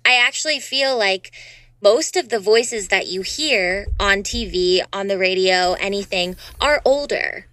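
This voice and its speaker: Guesting on a casual interview, a twenty-something dancer and voice actor sounds youthful and upbeat, speaking freely with many "you know"s. Her voice is mid-range and a bit bright, measured in pace, and the recording is dry.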